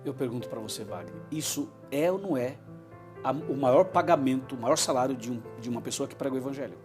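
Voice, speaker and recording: A man's voice: mid-range voice, expressive, fast, darkish tone, faint music behind. A man, a pastor telling emotional anecdotes as a TV interview guest and acting out what people said. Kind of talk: storytelling in a TV interview.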